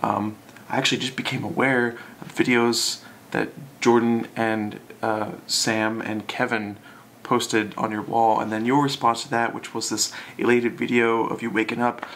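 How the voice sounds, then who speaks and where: A young man rambles drunkenly to a camera in a bedroom. His voice sits at a middle pitch, and his casual chat wanders loosely. Faint noise runs under the recording. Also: flat delivery, normal speed, fairly bright tone. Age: young adult. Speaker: video message sender. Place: small bedroom, indoors.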